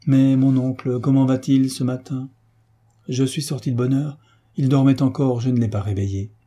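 A man voicing a kind, earnest young soldier who speaks gently and reasonably. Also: mid-range voice, steady tone, moderate pace, husky, natural voice. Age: young adult.

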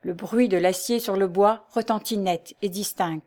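Woman reader, classic novel narration, even and dramatic. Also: mid-range voice, moderate pace. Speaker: audiobook reader.

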